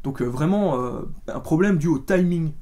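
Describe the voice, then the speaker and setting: A man's voice: on the high side, expressive, moderate pace, warm tone. A man giving a casual spoken film review, chatty and full of fillers and restarts. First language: French.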